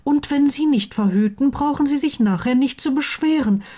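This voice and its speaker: A woman reading aloud gives an earnest blond teenage wizard boy who keeps pleading with his friend, pitched well up and lively. The tone stays mellow and warm, with a soft storybook delivery. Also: moderate pace, close to an everyday voice. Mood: urging. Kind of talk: audiobook reading of fan fiction.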